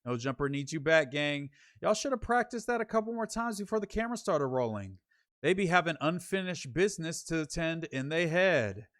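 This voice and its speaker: A man's voice: fairly high pitch, big pitch swings, brisk, fairly bright tone, no echo, studio quality. Slangy man reading chat aloud. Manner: reads viewer comments aloud and reacts, slangy and joking. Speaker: podcast host reading chat. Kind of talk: casual livestream chat.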